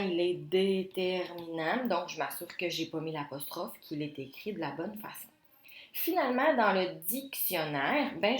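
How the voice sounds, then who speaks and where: Québécoise teacher talking through grammar, echoey room. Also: female voice, lowish voice. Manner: explains step by step, asks herself questions. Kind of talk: classroom grammar demonstration.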